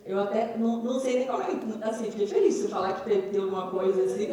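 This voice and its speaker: A woman voice actor telling an animated story about recording a narration, speaking at a panel after a screening. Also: medium pitch, fast talker. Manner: lively storytelling, quotes others, chatty slang. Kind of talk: post-screening panel talk. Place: screening hall. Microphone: distant hall microphone. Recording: echoey hall from far off.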